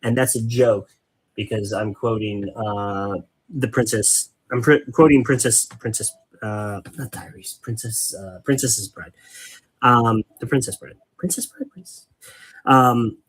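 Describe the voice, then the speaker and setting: A man's voice: on the low side, a little slow, fairly bright tone, slightly rough. A man hosting a casual hobby painting stream, rambling and patiently explaining things, cracking corny dad jokes. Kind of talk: casual live-stream chat while painting.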